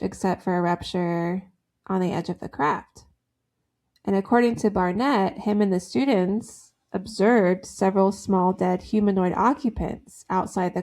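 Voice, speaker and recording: A woman co-hosting a podcast, chatting casually and telling stories in a rambling, giggly way. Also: mid-range voice. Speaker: podcast co-host. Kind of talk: casual chat.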